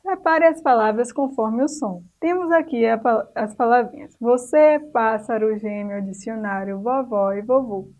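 A fairly high-voiced woman teaches a recorded lesson for young pupils. She speaks patiently, slowing down to draw out each example word, then checking in with the class. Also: darkish tone, poor audio. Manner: patient, stretches out example words slowly. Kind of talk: recorded online class for children.

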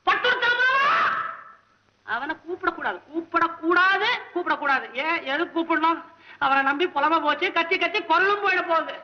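A whiny, fretful poor poet. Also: male voice, lively intonation. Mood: lamenting. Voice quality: whiny, high and quick-tempered. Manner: complaining, sarcastic, talks to himself. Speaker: comic lead in a devotional film. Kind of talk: 1960s Tamil film acting. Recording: dull old film soundtrack.

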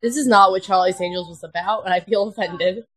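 A woman's voice: mid-range voice, a little fast, a bit bright, husky. A young woman at a sleepover, chatting casually while watching a movie, laughing often and swearing freely. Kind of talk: casual chat. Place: home at a sleepover.

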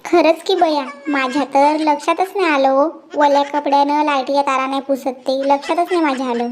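A performer voicing a meek cartoon cat wife who pleads and answers back, through a high pitch-shifted effect. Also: fairly even intonation, a little fast. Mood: pleading. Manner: pleading, defensive.

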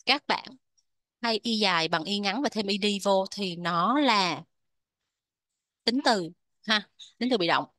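Slow, bright-voiced English teacher, woman. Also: medium pitch, lively intonation, no room sound. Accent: Vietnamese. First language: Vietnamese. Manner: repeats each word slowly, then explains. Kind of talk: vocabulary lesson.

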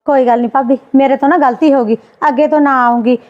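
Fast-talking indignant woman, muffled audio. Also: sits high, fairly even intonation, darkish tone. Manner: indignant, scolding. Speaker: sister-in-law character in a family skit. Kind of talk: Punjabi family drama skit.

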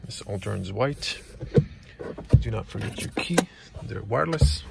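A young man whose first language is Croatian, giving a casual walkaround car review in a showroom, talking haltingly with many fillers into a handheld camera. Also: on the low side, animated, creaky, heavy background noise. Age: young adult. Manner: halting, many fillers, non-native phrasing. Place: car dealership showroom, inside a car. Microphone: handheld camera close to face.

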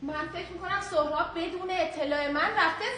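A woman's voice: very high-pitched, sharp tone, slight background noise. An actress playing a suspicious young wife who insists her husband has secretly married, in a stage comedy. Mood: complaining. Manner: accusing, insistent. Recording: distant echoey stage recording.

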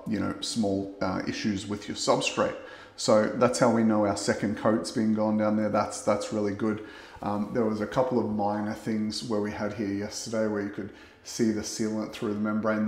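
A man, explaining waterproofing work in a relaxed way as he walks through a bathroom under renovation, filming on a phone. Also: lowish voice. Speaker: waterproofing expert. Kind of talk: on-site walkthrough explanation. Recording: echoey small tiled room.

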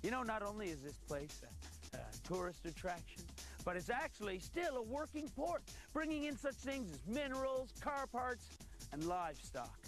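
A man in his thirties presenting a game show segment outdoors in a theatrical, deliberate way. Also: sits high, very animated. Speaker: road segment host. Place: outdoors in a park with a crowd. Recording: crowd and faint music behind.

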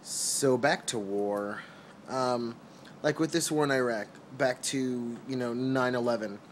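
A young man from New York City giving his earnest, halting opinions in a casual vlog, recorded on a phone held close while lying on a couch at home. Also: mid-range voice, a little hiss or hum. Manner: earnest, hesitant with many ums and restarts. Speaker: vlogger. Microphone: phone camera held close.

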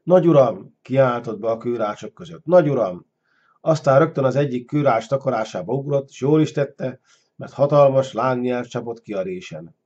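A man narrating a children's storybook in a lively, expressive way. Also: mid-range voice, highs cut off.

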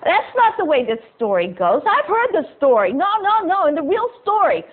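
A poor fisherman in a storybook, folksy and a bit whiny as he complains, as a woman puts him on. His voice sits high for a man. The sound is thin and phone-like. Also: sing-song, normal speed. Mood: protesting. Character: poor, complaining working-class fisherman, gruff.

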